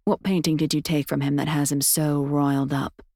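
A woman's voice: low voice, flat delivery, normal speed, warm tone, no echo, studio quality, pitched below the performer's own voice. A woman voicing a smug man who taunts his prisoner. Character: smug male captor, taunting.

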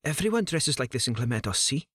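A man voicing a nervous young male bard who answers in anxious, hurried denials. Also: mid-range voice, big pitch swings, fairly bright tone, breathy edge, no room sound, studio quality, pitched above the performer's own voice.

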